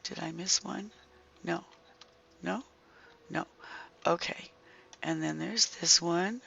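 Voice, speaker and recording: Casual game commentator: hoarse, croaky, strained, crackling with fry, prone to whispery breaks, thinking aloud, slightly muffled mic. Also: medium pitch, sharp tone. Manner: halting, thinking aloud while working. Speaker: gaming video creator. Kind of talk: casual gameplay walkthrough commentary.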